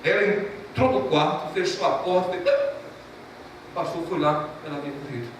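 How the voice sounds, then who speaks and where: A man preaching in a fairly high voice, passionate and moved, his words swelling with conviction. He is captured from a distance in a very reverberant church. Steady background noise sits under his voice. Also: normal speed. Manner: impassioned preaching, emotional storytelling. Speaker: pastor. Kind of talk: sermon. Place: church sanctuary. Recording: echoey church from a distant mic, noisy.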